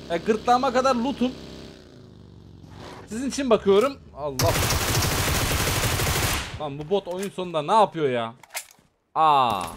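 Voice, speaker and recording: A man with a high voice commentates his own shooter match for viewers. He talks excitably, swears when something surprises him, and chats casually between fights. Faint gunfire and game sounds stay under the voice. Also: background noise. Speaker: gaming channel host. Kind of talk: live gameplay commentary.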